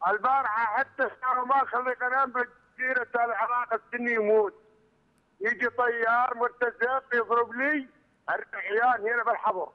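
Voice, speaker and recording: A man from Iraq with an Iraqi accent, calling in on a headset phone, rushing through a heated complaint on an unclear line. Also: extremely high pitch, steady tone. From Iraq, Mosul. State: hard to hear on the line. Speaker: caller. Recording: muffled phone line with reverb.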